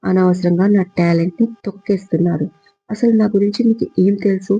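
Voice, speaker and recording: A man's voice: high-pitched, fairly even intonation, a little fast, dark tone, husky, highs cut off. A man playing a lovesick small-time rowdy who is self-important and talks in a flowery, devoted way, in a storybook reading. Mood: boastful.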